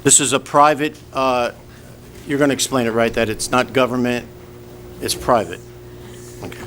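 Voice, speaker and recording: A man's voice: medium pitch, steady tone, moderate pace, a bit bright. A man chairing a village board meeting, formally reading resolutions and running procedure. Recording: noisy public meeting room recording.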